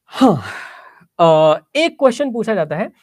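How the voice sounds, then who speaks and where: A woman's voice: medium pitch, sing-song, a little slow, a little mellow, no room sound, studio quality. A woman teacher giving a geography lesson, explaining step by step, checking in with her students and mixing English phrases into her Hindi.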